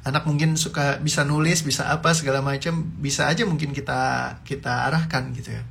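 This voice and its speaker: A man giving a motivational talk to parents in a chatty, animated way, laughing often and dropping in English words. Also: mid-range voice, a little fast, gravelly. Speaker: parenting speaker.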